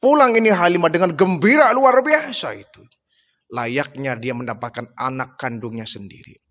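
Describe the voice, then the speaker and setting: A male Islamic preacher telling a religious history story in an expressive, dramatic way. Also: on the high side, normal speed. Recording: long hall reverb.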